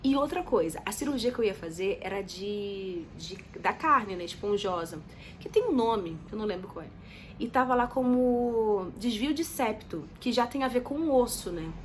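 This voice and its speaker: A woman's voice: mid-range voice, animated, moderate pace, slight background noise. A young woman, telling a story to her viewers in a chatty, dramatic way. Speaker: vlogger. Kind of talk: casual storytelling to camera.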